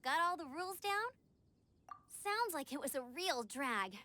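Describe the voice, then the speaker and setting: An actress playing an energetic, chatty young female scout in a video game, speaking in a perky, expressive, informal way. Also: sits high, a little slow, heavily acted. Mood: chatty, excited. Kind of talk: video game character dialogue.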